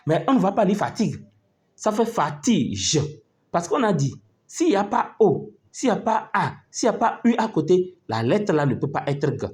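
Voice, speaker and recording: A man's voice: fairly high pitch, a little mellow. A male teacher giving a patient phonics lesson, spelling out letters and syllables one by one and often checking that his pupils are following.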